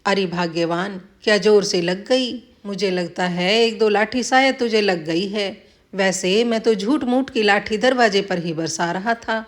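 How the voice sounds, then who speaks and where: A woman's voice: medium pitch, measured pace, lightly acted. A woman voicing a scheming, bossy old village husband who scolds and commands. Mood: tender.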